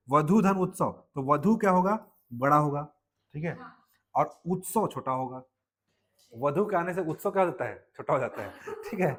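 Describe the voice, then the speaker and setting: A male teacher with a Chhattisgarhi Hindi accent, giving a classroom grammar lecture and constantly asking his students questions. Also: a little high.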